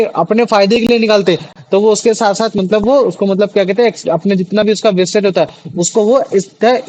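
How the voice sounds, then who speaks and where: Brief: male tutor, high pitch, chatty, keeps quizzing students, mix. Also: a little mellow, rough recording. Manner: chatty, repeats questions to students, many fillers. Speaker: teacher. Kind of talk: classroom biology lesson.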